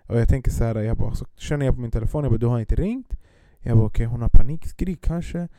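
A man's voice: mid-range voice, mellow, no echo, clean studio sound. A young-sounding man telling a casual story about his baby with lots of fillers, speaking. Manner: laid-back storytelling with frequent fillers. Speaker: parent. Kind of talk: casual chat.

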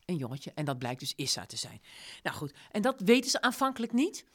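Animated woman leading a book chat. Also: low-pitched, fairly quick. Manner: animated retelling, acts out quoted lines. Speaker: discussion leader. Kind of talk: casual book discussion.

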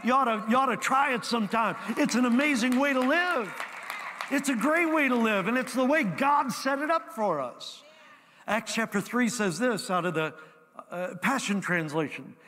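A man's voice: extremely high pitch, expressive, normal speed, sharp tone, in a large hall, some chatter behind, slight background noise. A man preaching as pastor, emphatic and repetitive, leading his congregation in call-and-response. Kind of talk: sermon. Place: church sanctuary.

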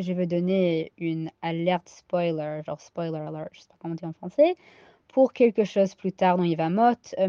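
American woman with a cold reading out aramaic then translating slowly, lots of ums, low mellow voice, dull lo-fi sound. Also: no room sound. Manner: reads each Aramaic phrase, then translates it haltingly with many fillers. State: sick with a cold. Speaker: Talmud teacher. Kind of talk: daily Talmud lesson.

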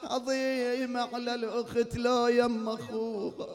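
A man leads a lamenting sermon in a mourning hall. He shifts from spoken storytelling into wailing chanted verses and sudden shouts. Faint music sits under his voice. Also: extremely high pitch, completely flat delivery, a little slow. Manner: swings between spoken narration, wailing chant and shouted outbursts. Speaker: mourning reciter. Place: mourning hall before a gathering.

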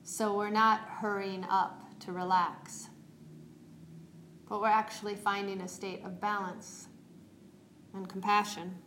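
A woman yoga teacher leading a guided meditation in a calm, meditative, unhurried tone. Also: medium pitch. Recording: roomy echo, faint background noise.

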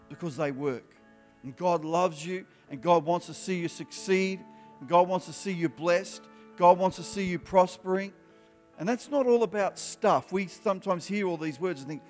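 A man in his fifties preaching an emphatic sermon to young people, his voice rising in animated bursts. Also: fairly high pitch. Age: 50s. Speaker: youth preacher. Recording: live hall with long reverb, soft music behind.

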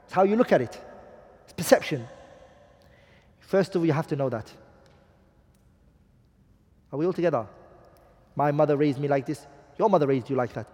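Emphatic high-voiced man teaching a class. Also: normal speed, pauses often, darkish tone, husky, big-room sound. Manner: emphatic, asks the class rhetorical questions; quotes Arabic hadith and poetry. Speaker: Islamic teacher. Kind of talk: classroom lecture on marriage.

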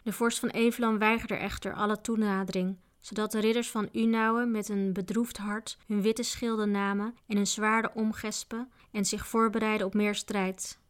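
A woman narrating a children's adventure book in a steady storytelling voice. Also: medium pitch, moderate pace, hardly any pauses, smooth. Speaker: audiobook narrator. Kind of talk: scripted narration.

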